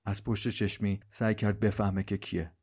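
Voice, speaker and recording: A man with a fairly low voice narrates a scripted story. His delivery is slow, measured and hushed. He keeps a steady storytelling tone throughout. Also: slightly rough.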